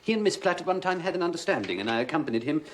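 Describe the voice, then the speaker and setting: A formal, unflappable gentleman's valet in a period television drama. His measured delivery is fairly high and rises and falls in lively curves. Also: a little hiss or hum.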